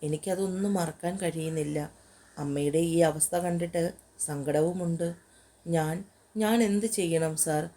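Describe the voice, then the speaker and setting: A woman's voice: low voice, measured pace, dark tone. A woman narrator voicing a young woman who is tearful and heartbroken, pleading through her tears in an audio story.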